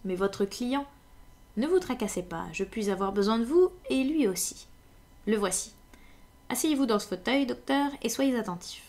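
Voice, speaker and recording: A woman's voice: fairly high pitch, animated, normal speed, a little mellow. A woman reading as a dry, self-assured detective. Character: sharp, self-assured male detective, middle-aged.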